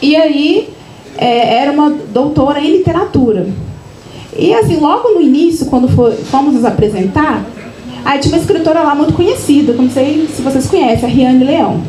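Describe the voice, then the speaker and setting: A woman author talks casually to an audience, her voice high and mellow. She keeps adding little tag questions and starting sentences over. An echoey room with a faint hum of noise surrounds her. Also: animated, brisk. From Minas Gerais, Brazil. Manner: chatty, frequent tag questions and restarts. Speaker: author at her book launch. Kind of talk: casual personal storytelling to an audience. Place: event room, live audience.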